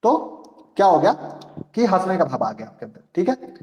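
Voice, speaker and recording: A man's voice: high voice, sing-song, moderate pace, darkish tone, highs cut off. A male teacher giving an online class, explaining with rhetorical questions and often checking that students follow. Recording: echoey room.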